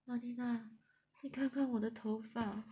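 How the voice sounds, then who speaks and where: A dramatic, talkative orphan girl, put on by a woman in a storybook reading, her voice pitched high and emotional. She pleads and tumbles through long runs of words. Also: a little fast, a bit bright. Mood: tiny whisper.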